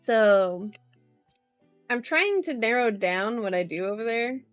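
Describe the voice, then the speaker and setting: Background music accompanies a woman hosting a VTuber livestream. Her voice is clear and resonant, on the high side and animated, yet slow-paced, as she chats casually with playful, childlike phrasing and frequent repetition.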